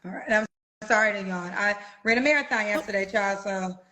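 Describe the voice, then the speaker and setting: A woman hosting a dating show, asking her guest brisk, businesslike questions. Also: mid-range voice, bright, forceful tone. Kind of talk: interview questions.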